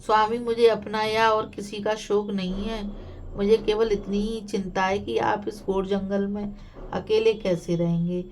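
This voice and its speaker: A woman's voice: medium pitch, little pitch movement, measured pace, slight background noise, natural voice. A woman voicing a frightened, devoted young queen who pleads and laments as she calls for her missing husband. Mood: lamenting.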